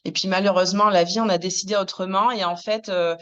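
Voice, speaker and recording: A woman in her thirties, a hairdresser, recounting her career in a hesitant interview, with many pauses and restarts. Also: medium pitch, steady tone, smooth, dull audio. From France. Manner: many fillers and restarts, soft laughs. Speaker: hairdresser and business founder, interviewee. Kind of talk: hesitant personal storytelling.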